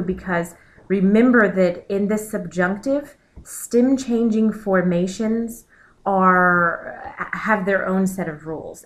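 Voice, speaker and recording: Woman, teacher, slideshow voice-over; clear methodical explainer, lowish pitch. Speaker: Spanish teacher. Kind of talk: recorded slideshow lesson.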